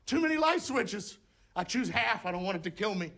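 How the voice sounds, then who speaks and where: A man doing stand-up comedy, telling stories with animated, shouted impressions. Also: high voice, brisk, a little hiss or hum. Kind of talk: stand-up storytelling.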